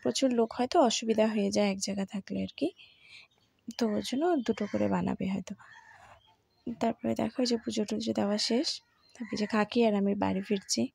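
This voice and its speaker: A woman vlogger, chatting in a casual storytelling way while she has a cold, clearing her throat often. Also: mid-range voice, fairly even intonation, quick pace, darkish tone, no room sound. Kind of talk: casual vlog narration.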